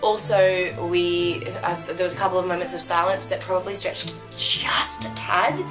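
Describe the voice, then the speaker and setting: A woman's voice: on the low side, fairly even intonation, normal speed, over music, low-quality recording. A woman giving a casual, chatty review as co-host, in an emphatic, gushing way. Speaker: co-host reviewing a dance show.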